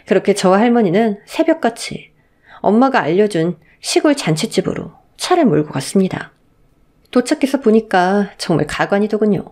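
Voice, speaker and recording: In an indignant storytelling tone, a woman narrates a reader's story in the first person from a script. Her medium-pitched voice is sing-song and a little mellow, moving at a normal speed.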